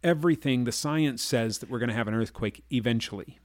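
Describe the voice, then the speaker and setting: A man's voice: mid-range voice, no room sound, studio quality. Man explaining markets, checking in often. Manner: explains slowly with frequent "okay?" and "all right?" check-ins. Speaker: market commentator. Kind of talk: casual finance chat.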